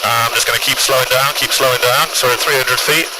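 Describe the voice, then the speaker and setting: A man coaching a student pilot in flight, brisk, encouraging and talkative, on a headset intercom. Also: medium pitch, steady tone. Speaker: helicopter flight instructor. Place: helicopter cockpit in flight. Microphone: aviation headset intercom. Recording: intercom over loud rotor noise. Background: loud rotor and engine noise.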